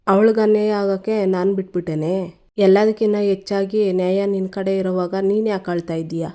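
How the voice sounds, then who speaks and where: A woman voicing an elder sister-in-law who calms others in a firm, reassuring way. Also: medium pitch, moderate pace, lightly acted.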